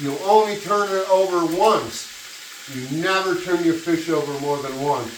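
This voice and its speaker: A giggly, tipsy cooking host gives a casual demonstration to camera from a roomy, echoey kitchen, far from the mic. Her mid-range voice moves at an unhurried pace, rambling, exclamatory, and profane with frequent laughter, over loud frying sizzle and stirring.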